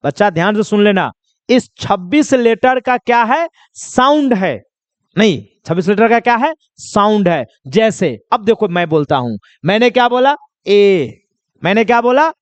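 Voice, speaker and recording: High-voiced man teaching a basic lesson. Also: big pitch swings, normal speed, no room sound. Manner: repeats questions and answers them himself. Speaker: English teacher. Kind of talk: classroom lesson to children.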